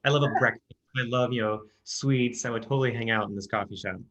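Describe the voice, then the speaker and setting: In a casual interview chat, a Midwestern-accented audiobook narrator speaks quickly in a mid-range, fairly bright voice, frequently restarting and using fillers.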